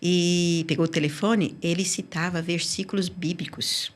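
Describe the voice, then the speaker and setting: A woman guest on a church podcast giving her personal religious testimony, telling her story with lively acted-out dialogue. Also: normal speed. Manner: sweeping, swinging pitch as she tells her story.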